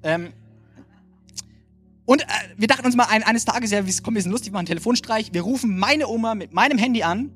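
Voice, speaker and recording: This animated sermon comes from a young Franconian man whose Franconian German accent colors his frequent "hey" calls and "ja?" questions. His high voice races along with hardly any pauses while faint music plays in the background.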